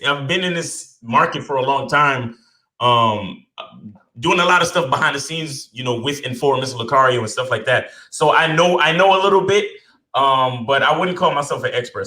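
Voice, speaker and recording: A middle-aged man, born in Jamaica and raised in Brooklyn, New York, speaks as a podcast guest and dating coach in a casual interview chat. His mid-range voice is bright and forceful, at a moderate pace, heard in a roomy space. He sounds relaxed and humble, using plenty of fillers and restarts.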